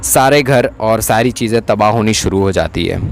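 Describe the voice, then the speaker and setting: Man, lowish voice, casual chatty episode-recap narrator. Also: normal speed, faint music behind. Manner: chatty retelling with frequent tag questions. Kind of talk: casual Hindi plot recap.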